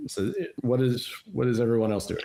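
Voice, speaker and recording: A man's voice: mid-range voice, animated, fairly quick, vocal fry, warm tone. Patient male game master, faint hiss. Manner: explains rules patiently with many fillers and restarts. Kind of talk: narrating a tabletop game.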